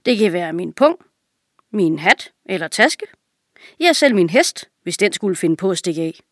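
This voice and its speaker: A woman reading a children's story aloud, voicing a cruel, greedy, fat male king who barks orders in a raised, shrill voice. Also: very animated, no echo, studio quality. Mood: bossy. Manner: commanding, shrill when angry.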